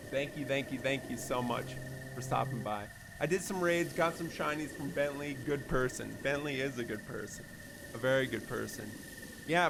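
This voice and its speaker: Male game streamer, easygoing and friendly, gravelly voice, loud noisy recording. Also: mid-range voice. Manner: upbeat, chatty, greets and thanks viewers by name. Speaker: variety streamer. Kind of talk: casual live game-stream commentary. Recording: loud background noise.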